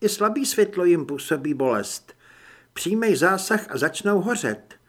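A man voicing Julie, a calm, knowing woman hunter, explaining matter-of-factly. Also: sits high, voice pushed up.

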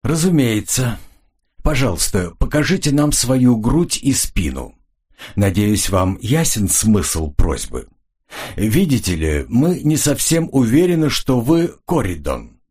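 A man voicing a calm, persuasive Englishman who bargains politely in an audiobook. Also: medium pitch, takes it slowly, breathy edge, pitched above the performer's own voice, heavily acted.

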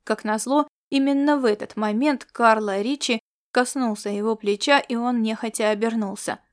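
A woman giving a steady, expressive scripted audiobook narration. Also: a little high, normal speed.

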